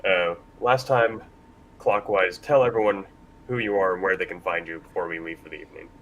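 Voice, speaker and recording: A man moderating a casual panel discussion talks fairly quickly in a hesitant, self-deprecating way. His tone is fairly bright, though the audio is dull, with a constant rumble in the background.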